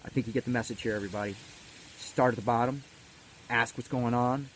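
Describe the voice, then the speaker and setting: A man's voice: mid-range voice, fairly even intonation, quick pace, rough recording. A man speaks as a motivational coach giving a pep talk, emphatic and folksy, repeating key words for stress. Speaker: motivational coach host of a daily video series. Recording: background noise and ambience.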